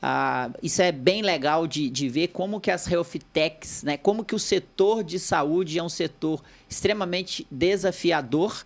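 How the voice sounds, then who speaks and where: A Brazilian Portuguese-accented man hosts a podcast with a somewhat high, gravelly voice. He chats casually and halts often as he leads the interview. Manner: chatty, halting with restarts. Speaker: podcast host.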